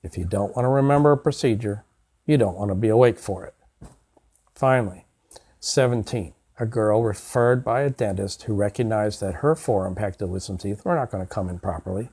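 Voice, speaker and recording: An older man, an oral surgeon, giving a scripted educational narration of case histories in a measured, formal manner with emphasis on key words. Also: on the low side, a little mellow, breathy edge. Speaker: oral surgeon presenting cases.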